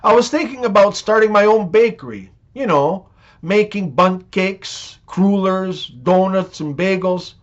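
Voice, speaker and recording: A man reading jokes and one-liners in a steady storytelling delivery. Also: sits high, measured pace. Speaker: joke teller. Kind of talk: scripted joke reading. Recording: dull lo-fi recording.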